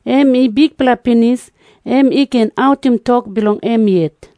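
A woman's voice: on the high side, normal speed, warm tone, no room sound, close to an everyday voice. A woman with a Papua New Guinean accent playing a cautious, evasive mother in a scripture drama.

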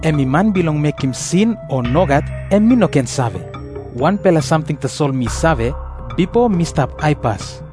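A man's voice: a little high, animated, normal speed, close to an everyday voice. A man with a Papua New Guinean accent acting a stubborn, plain-spoken healed blind beggar in a scripture drama. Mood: insistent. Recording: prominent music behind the voice.

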